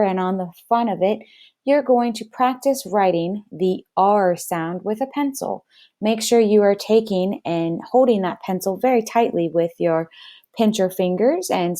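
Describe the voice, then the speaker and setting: A woman teaching first graders a phonics lesson, slow and clear, stretching out sounds for the children to repeat. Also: mid-range voice, dark tone.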